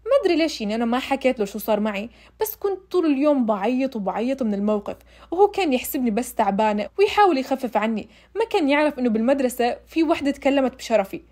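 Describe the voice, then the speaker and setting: A woman's voice: high-pitched, animated, very fast, darkish tone. A young woman telling her own story in a casual, emotional way, speaking straight to her listeners. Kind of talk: casual first-person storytelling.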